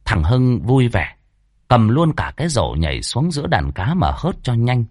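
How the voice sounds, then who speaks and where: A man narrating a ghost story from a script, with a dramatic, varied delivery and tense pauses. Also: medium pitch, sing-song, a little mellow, no room sound, studio quality.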